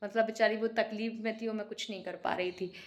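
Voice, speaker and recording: A young woman venting emotionally in a casual home vlog, often speaking quietly while cooking in her kitchen. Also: medium pitch, fairly even intonation, a little fast. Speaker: vlogger, single mother.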